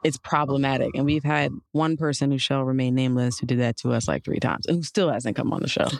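A woman co-hosting a podcast in casual chat, telling exasperated, lively stories and quoting other people. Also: a bass voice, fast talker, vocal fry, dry recording, clean studio sound. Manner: animated, exasperated storytelling with quoted voices. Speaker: podcast co-host.

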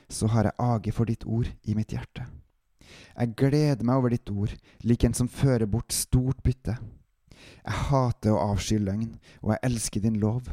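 A man hosting a devotional podcast, introducing a psalm and then reading it aloud in a calm, steady manner. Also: lowish voice, no room sound, clean studio sound.

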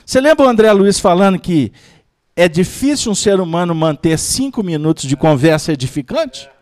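A man leads a study class in a high, bright register. His pitch swings widely as he jokes and acts out little everyday scenes. The talk is lively and conversational. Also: moderate pace. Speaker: lecturer of a Spiritist study group.

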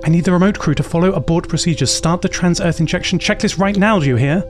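Man doing a woman astronaut in crisis, pleading and urgent, pitched a bit higher, quiet music under. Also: quick pace, natural voice. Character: desperate woman astronaut pilot. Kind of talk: story reading.

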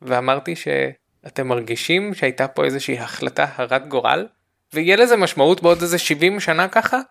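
Gravelly-voiced man telling a game story. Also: on the high side. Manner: animated storytelling, laughs often. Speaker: podcast co-host. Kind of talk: casual chat.

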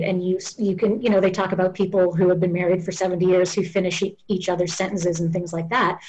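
A woman talks earnestly in an interview, explaining patiently and step by step. Her voice sits at an ordinary middle pitch. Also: darkish tone, muffled recording.

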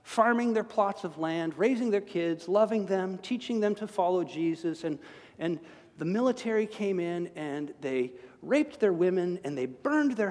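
High, lively male pastor preaching. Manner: conversational, animated, with humorous asides. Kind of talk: sermon. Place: church sanctuary. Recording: long church reverb.

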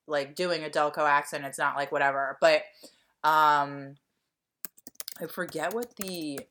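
A woman with a softened Delaware County accent chatting casually, rambling with many fillers. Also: deep voice, fairly even intonation, measured pace, slight background noise. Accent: Delaware County, Pennsylvania, softened. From Delaware County, Pennsylvania. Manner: rambling, full of "like" and "um". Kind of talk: casual chat.

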